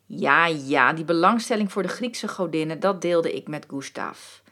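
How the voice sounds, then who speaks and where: A dreamy muse stepped out of a painting , voiced by a woman narrator. Her low, breathy voice drifts slowly, swooping up and down in lively melodies. She sounds wistful and softly mystical. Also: exaggerated voice. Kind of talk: storytelling narration.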